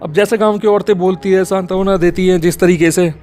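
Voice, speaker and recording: A man's voice: high voice, steady tone, a little fast, dark tone, soft background music. A man telling a horror story in casual spoken style, rambling with fillers and correcting himself as he goes.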